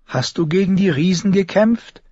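Brief: a man doing a bright, eager boy prince, raised higher, dull dry recording. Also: moderate pace, breathy edge, no room sound. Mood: curious. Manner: eager, questioning. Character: earnest young noble boy, eager, curious.

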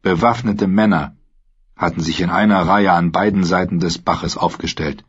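A man reads an audiobook in a steady, dramatic way. His voice sits on the low side and has a husky grain. The recording sounds dull and lo-fi. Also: moderate pace. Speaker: narrator. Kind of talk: audiobook narration.

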